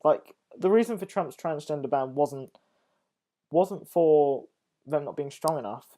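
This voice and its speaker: A man's voice: a little high, measured pace, warm tone. A man hosting a casual interview, often stumbling and repeating his words. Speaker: host.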